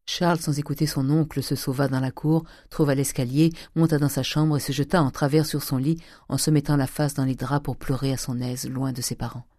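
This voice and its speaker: A man narrating a classic novel in a steady, measured reading voice. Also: mid-range voice, no echo, studio quality. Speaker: audiobook reader. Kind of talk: scripted narration.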